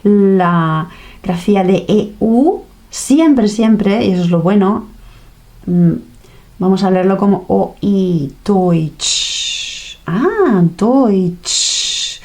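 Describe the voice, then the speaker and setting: A woman's voice: mid-range voice, animated, very slow, mellow. A woman teaching a language lesson in a playful way, acting out sounds and little reactions.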